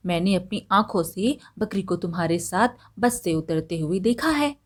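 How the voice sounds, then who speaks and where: A woman's voice: fairly low pitch, normal speed, close to an everyday voice. A woman voicing a clever young village man who teases and accuses his neighbor, in a storybook reading. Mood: teasing.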